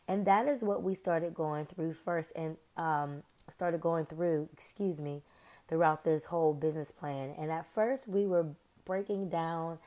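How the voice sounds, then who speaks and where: This podcast host's voice sits low with a darkish tone as she chats on her own show, tossing in slang and wandering asides. Sinus trouble she's still getting over leaves her voice slightly off and uneven.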